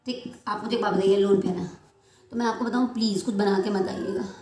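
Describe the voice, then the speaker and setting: A woman's voice: medium pitch, steady tone, brisk, a little mellow. A woman teaching a chemistry class, explaining with everyday analogies and often checking whether the students follow. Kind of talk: classroom lecture. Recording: echoey room.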